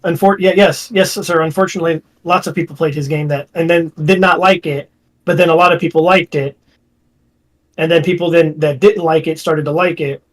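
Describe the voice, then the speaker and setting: Male co-host, slightly high pitch, lively storyteller who acts out quotes and swears freely. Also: fairly quick, low-quality recording. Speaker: podcast co-host. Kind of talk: casual podcast chat.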